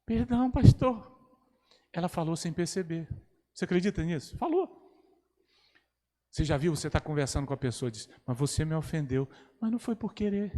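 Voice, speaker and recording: A man preaching a sermon as pastor, animated and rising to loud exclamations, in a church hall. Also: on the high side, fairly quick. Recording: long church hall reverb.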